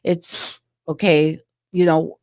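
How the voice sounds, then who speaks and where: A woman's voice: low-pitched, flat delivery, takes it slowly, dry recording. Woman, 60s, co-host, chatty and rambling, dry close sound. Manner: chatty, rambling with restarts and laughs. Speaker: co-host, insurance agent. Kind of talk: casual chat.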